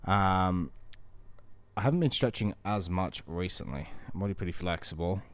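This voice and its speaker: A man's voice: sits low, moderate pace. A man talking in a casual, blokey, informal way as a podcast co-host. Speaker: podcast co-host and jiu-jitsu practitioner. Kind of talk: casual chat.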